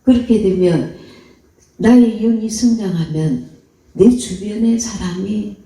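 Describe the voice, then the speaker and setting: A woman's voice: medium pitch, slow pace, mellow, recorded from a distance. A woman missionary preacher delivering an earnest, exhorting sermon in a church. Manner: earnest, exhorting, acts out quoted voices. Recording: echoey hall, voice off-mic.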